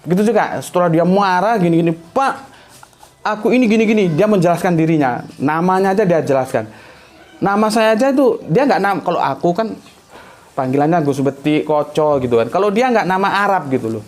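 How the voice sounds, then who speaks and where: A man's voice: sits high, lively intonation, brisk. A middle-aged man, telling a story in a religious talk. He is chatty and anecdotal and keeps adding conversational tags. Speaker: Islamic preacher.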